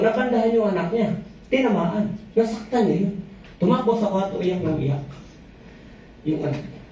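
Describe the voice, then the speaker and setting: A man's voice: high-pitched, mellow, slight background noise. A man telling a story to a live audience, playful and joking with his listeners between scenes. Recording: echoey, dull, from far off.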